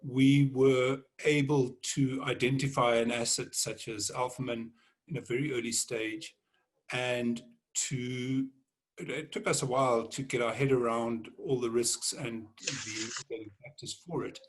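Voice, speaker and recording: A man answering on a panel, halting and often repeating words as he thinks. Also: mid-range voice, fairly even intonation, breathy edge. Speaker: panelist, mining executive.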